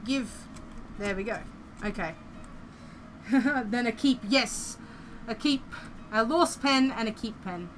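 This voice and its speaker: A woman's voice: a little high, slow, long pauses, slight background noise, poor audio. A young Australian woman chatting casually and playfully as she streams a building game, rambling through her thoughts.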